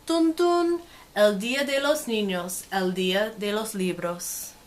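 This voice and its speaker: A woman reads a picture book aloud in two languages, adding casual remarks along the way; her reading is expressive, her asides softer. Her voice sits in the mid range, she's in no hurry, and there's a faint hiss or hum.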